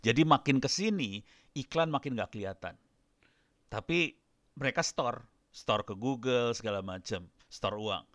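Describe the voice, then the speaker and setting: A middle-aged man gives a loose, chatty lecture to students and walks them through a screen demo. His voice sits at a middle pitch. The sound is dry and close, with no room echo. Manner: chatty, loose, laughs between points. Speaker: guest lecturer.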